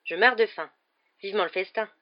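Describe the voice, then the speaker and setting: A woman voicing a hot-tempered teenage boy who talks loud and agitated, in a dull lo-fi audiobook recording. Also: mid-range voice, fairly quick, lightly acted. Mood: eager. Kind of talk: audiobook reading.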